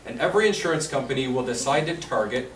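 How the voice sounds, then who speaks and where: A man's voice: mid-range voice, expressive, fast talker. A man giving a conversational insurance talk to a room, quizzing the audience as he goes. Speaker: insurance presenter. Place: meeting room at a seniors' residence. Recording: roomy, distant, faint hiss.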